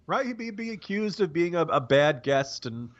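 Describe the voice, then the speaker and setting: A man's voice: on the high side, very animated. Wry American man, slightly dull lo-fi sound. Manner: halting, rambling, wry and sarcastic. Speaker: podcast co-host and political commentator. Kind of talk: casual wry political commentary.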